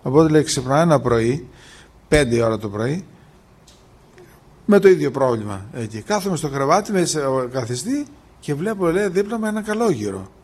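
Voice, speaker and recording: Man, somewhat high-pitched, religious storytelling, animated retelling, halting restarts. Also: slightly rough. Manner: animated retelling, constantly repeating "he says", acting out quoted dialogue. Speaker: storyteller recounting miracles.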